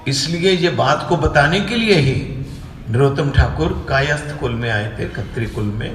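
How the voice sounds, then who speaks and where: A man's voice: mid-range voice, lively intonation, normal speed. A man with a Punjabi Hindi accent giving a devotional discourse, telling stories and acting out the voices of the people in them. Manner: storytelling, acts out quoted voices. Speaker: speaker giving a religious discourse. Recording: echoey hall, distant mic, faint hiss.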